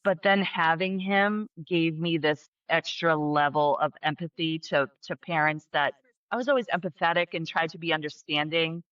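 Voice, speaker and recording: A special education teacher joins a podcast for a casual interview, her voice sitting low and moving at normal speed with no echo. She's talkative, stumbling through fillers and restarts and breaking into excitement now and then, all captured in dull, muffled audio.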